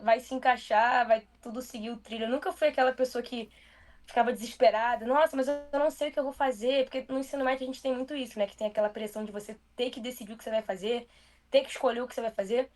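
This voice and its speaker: Fast-talking young Brazilian woman. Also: fairly high pitch, fairly even intonation. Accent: Brazilian Portuguese. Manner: fast, casual talker with many fillers. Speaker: journalist guest. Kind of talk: casual interview chat.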